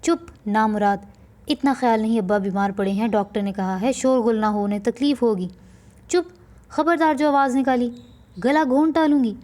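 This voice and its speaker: A woman teacher voicing a short-tempered wife and mother who scolds her child in a shrill voice during a play reading. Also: darkish tone, lightly acted. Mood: furious.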